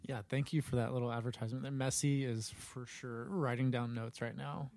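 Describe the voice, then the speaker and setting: A man's voice: mid-range voice, fairly even intonation, fairly quick, creaky, a little mellow. A young man co-hosting a casual podcast, upbeat and steering the talk between segments. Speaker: podcast co-host. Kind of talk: casual chat.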